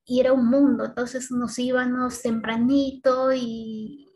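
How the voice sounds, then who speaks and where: A woman giving a personal faith testimony as a mother, speaking in a heartfelt, halting way with restarts and tag questions. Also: on the high side, little pitch movement, dark tone, rough recording.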